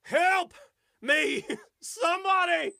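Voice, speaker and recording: An actor playing a wounded adult man, desperate and angry, who groans in pain, swears and shouts for help. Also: very high voice, very slow, vocal fry, no echo, heavily acted. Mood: shouting. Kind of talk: audio drama acting.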